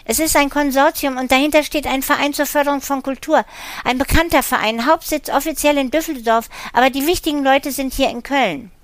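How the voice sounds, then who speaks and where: A woman's voice: high voice, brisk, few pauses, dry recording, voice pushed up, close to an everyday voice. A woman voicing a whiny, cornered older male art dealer in an audiobook reading, pleading and spiteful. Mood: blurting.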